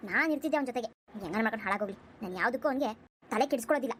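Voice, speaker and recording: A woman's voice: fairly high pitch, animated, very fast, fairly bright tone, a little hiss or hum. A woman voicing a proud, scolding middle-aged mother of the groom in a cartoon, grumbling and humming in disapproval. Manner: scolding, grumbling, sighing hums. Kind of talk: cartoon voice acting.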